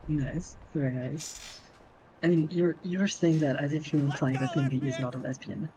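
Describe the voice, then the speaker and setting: Higher pitched guy chatting on stream, laughing a lot, bit of faint hiss behind. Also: fairly even intonation. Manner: chatty, laughs often, quick asides. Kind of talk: casual chat.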